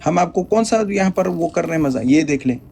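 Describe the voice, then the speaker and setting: Husky man giving heated religious commentary. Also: a little high, expressive, a little fast, darkish tone. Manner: emphatic, stammers and repeats words.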